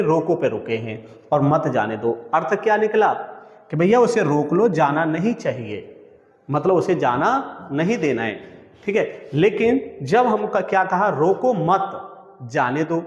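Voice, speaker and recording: A male teacher giving an exam coaching lesson. He keeps asking a question and then answering it himself, and calls his listeners friends and brother. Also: a little high. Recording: echoey room with long reverb.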